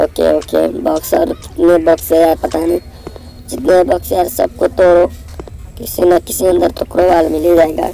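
A young man, hoarse from a cold, giving jittery live commentary on a horror game, repeating words in quick bursts. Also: a little high, dark tone, rough recording. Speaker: gaming channel host.

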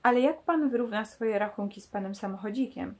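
A woman reading as a sharp young heroine. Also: mid-range voice, fairly quick, lightly acted. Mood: accusing. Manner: read aloud from a novel, lightly voiced.

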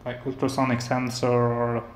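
In an echoey apartment, moving between living room and kitchen, a hobbyist maker from Norway shows off his electronics project in a relaxed tech demo. He's in his thirties, has a Norwegian accent, and speaks softly and hesitantly with lots of filler sounds. His voice sits at medium pitch, monotone, at a normal pace, with a slight hiss or hum.

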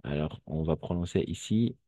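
A man's voice: extremely low pitch, moderate pace, dark tone, no echo. A male French teacher giving an online class, patiently repeating words and switching into Spanish to explain them.

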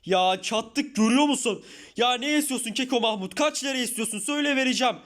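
A man playing a grumbling, short-tempered young newcomer with a very high, squeaky voice. He complains constantly and sighs in irritation. A Minecraft parody character. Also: fast, fairly bright tone. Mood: fed up.

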